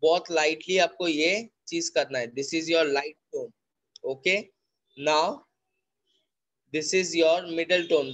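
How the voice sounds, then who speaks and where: A male art teacher with an Indian accent walks his online class through a pencil drawing, one careful step at a time. He speaks very slowly, going over each point twice and switching between English and Hindi. His voice sits a little high for a man. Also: a bit bright, muffled recording. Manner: slow, repetitive step-by-step explaining, mixing English and Hindi.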